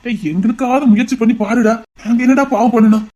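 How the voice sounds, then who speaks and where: An actor playing a stern middle-aged father who scolds his son about marriage in a fast, insistent voice. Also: very high voice, steady tone, mellow. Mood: exasperated. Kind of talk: amateur audio drama.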